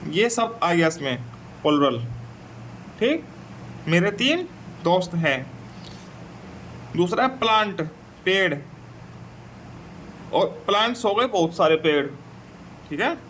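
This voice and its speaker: Slow, high-voiced Hindi-accented male teacher. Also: very animated, a bit bright, slight background noise, low-quality recording. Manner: slow and repetitive, says "theek hai" often; reads English sentences very slowly, then translates. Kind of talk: explaining a textbook lesson.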